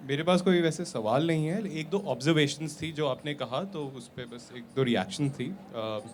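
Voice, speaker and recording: A somewhat high-pitched man speaks up from the audience at a festival talk. He is polite and halting, pausing often with fillers. A faint venue noise hums beneath him. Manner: hesitant, many fillers, polite. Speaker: audience member.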